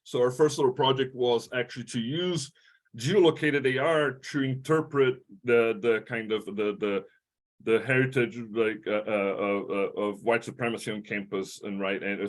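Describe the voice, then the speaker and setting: A middle-aged history professor with a Portuguese-speaking accent delivers an academic lecture in a lowish voice. He speaks haltingly, with many fillers, restarts and tag questions.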